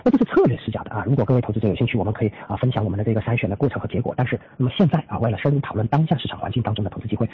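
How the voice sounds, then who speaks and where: 语速极快、嗓音沙哑的男分析师. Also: male voice, on the low side, expressive, very fast, few pauses, breathy edge, dry recording. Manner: formal, with frequent trailing "a" particles. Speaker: chief strategist hosting an investor call. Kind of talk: prepared market analysis presentation. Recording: tinny phone-line conference audio.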